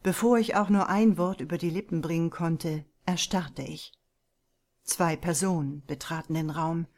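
A woman narrating a tense first-person story in a slow, deliberate, brooding manner. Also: low-pitched, darkish tone. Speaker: audiobook narrator.

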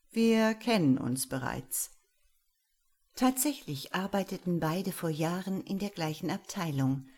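A woman narrating a crime story aloud in a steady storytelling manner. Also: fairly low pitch.

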